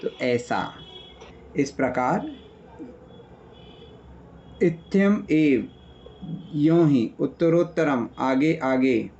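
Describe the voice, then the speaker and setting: Guy teaching an online class, slow and patient, gravelly voice, kinda muffled call audio. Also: mid-range voice, darkish tone, slight background noise. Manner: patient explainer, lists word meanings, checks in with "है ना?". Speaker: Sanskrit teacher. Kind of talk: online class revision lecture.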